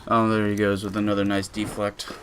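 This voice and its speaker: A man's voice: fairly low pitch, monotone, brisk, background noise. A young man rambling casually through a voice-over commentary on his own game footage, with lots of fillers and restarts. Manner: rambling and laid-back, with many fillers and restarts.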